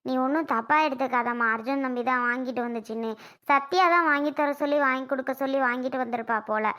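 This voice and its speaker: Brief: woman doing a quiet, consoling older mum, gentle and low-key. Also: fairly even intonation, fast. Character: calm older woman, motherly peacemaker. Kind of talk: family skit acting.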